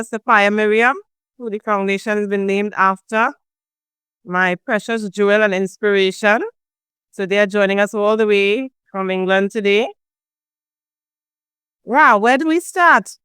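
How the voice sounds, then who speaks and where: A woman hosting a program, effusive and warm, thanking family and sponsors. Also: medium pitch, smooth, no echo, clean studio sound. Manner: warm, effusive, repeats "amazing". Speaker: foundation founder hosting a program. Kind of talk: welcoming host remarks.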